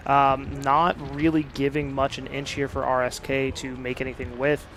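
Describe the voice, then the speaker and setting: A man giving steady play-by-play commentary on a video game match, with frequent fillers. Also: mid-range voice, normal speed, slight background noise. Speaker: esports caster.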